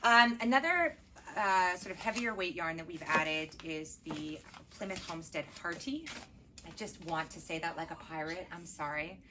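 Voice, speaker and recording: A woman's voice: lowish voice, moderate pace, very noisy. A woman co-hosting a knitting podcast, chatting casually and enthusiastically about yarns with playful asides. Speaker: podcast co-host, yarn shop owner. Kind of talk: casual chat.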